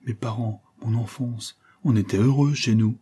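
A man's voice: mid-range voice, steady tone, normal speed, warm tone, slightly rough. A man voicing a troubled male accomplice who pleads and then turns defiant.

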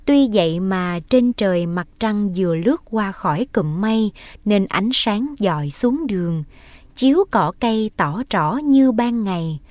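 A woman's voice: mid-range voice, a little slow, no room sound. A woman reading a novel aloud as an audiobook narrator, telling the story steadily. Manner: steady storytelling, lifting voice for dialogue.

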